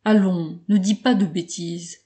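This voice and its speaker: A stern older uncle lays down the law in a grave, scolding tone, as a woman reader puts him on. The voice sits mellow and warm rather than harsh, and the telling feels like a storybook reading. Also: fairly low pitch, fairly even intonation, a little slow, lightly acted.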